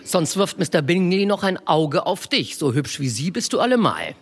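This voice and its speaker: A woman's voice: lowish voice, very animated, normal speed. A woman reading aloud and voicing a dry, unbothered middle-aged husband who teases in a detached way. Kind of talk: audiobook reading.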